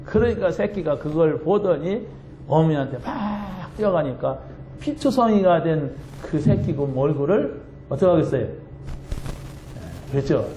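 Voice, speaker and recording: A man preaching a sermon as pastor, telling a story with animated, laughing delivery. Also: fairly high pitch, reverberant, slight background noise, low-quality recording. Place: church sanctuary.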